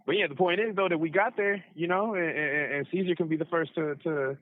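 A man's voice: fairly high pitch, a little fast, no echo. A young American man chatting casually in slang on a prison phone call, often repeating his phrases. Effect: prison phone line. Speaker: guest calling from prison. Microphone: telephone. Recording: tinny, band-limited prison phone line.

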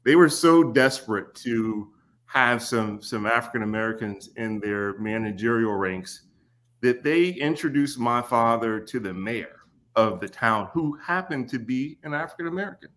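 A man in his forties from Kentucky, a podcast guest telling stories in an unhurried way with frequent ums and restarts. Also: medium pitch, expressive, a bit bright. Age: 40s. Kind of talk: casual podcast interview.

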